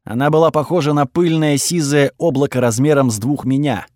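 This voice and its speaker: A man narrating a first-person fantasy audiobook in a steady, measured way. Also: fairly high pitch, no echo, studio quality.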